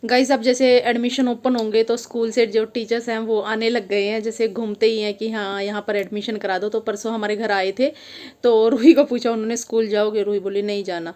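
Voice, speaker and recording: A young woman vlogger from Haryana talks casually to her camera, calling her viewers guys. Her voice sits a little on the high side. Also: little pitch movement, moderate pace, hardly any pauses, darkish tone. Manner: chatty, addresses viewers as guys. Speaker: vlogger, mother. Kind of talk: casual vlog chat to camera.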